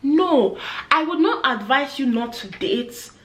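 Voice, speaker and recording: A woman in her twenties vlogs casual advice to the camera, earnest and chatty, acting out the voices of people she quotes. Her voice sits high and sounds animated but slow. The room is echoey.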